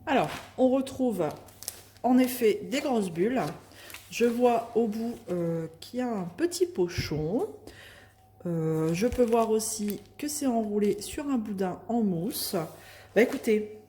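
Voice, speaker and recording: A woman's voice: fairly high pitch, expressive, dark tone, a little hiss or hum. Female vlogger, 30s, from northern France: leisurely, hesitant, chatty unboxing talk. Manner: chatty, hesitant, many filler pauses. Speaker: diamond painting vlogger. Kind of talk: casual unboxing vlog.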